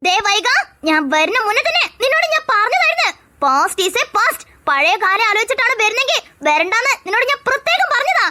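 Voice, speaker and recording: A voice actor playing a firm young man in a cartoon who scolds fast and insists. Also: very high voice, very animated, sharp tone, exaggerated voice. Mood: firm, irritated. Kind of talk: cartoon voice acting.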